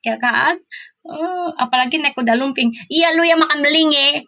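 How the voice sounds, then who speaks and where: A woman with a Sundanese-flavored Jakarta accent chats with her live-stream viewers. Her voice sits high and sounds bright. She teases them playfully and laughs often. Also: normal speed. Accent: Sundanese-flavored Jakarta Indonesian. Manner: teasing, laughing, playful banter. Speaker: live-stream tarot host.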